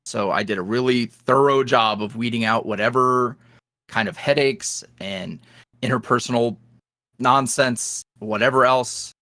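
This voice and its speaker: A young man who makes ASMR roleplay videos chats candidly as an interview guest, speaking unhurriedly with no room sound. He's animated, and his pitch jumps up whenever he quotes other people in this casual conversation.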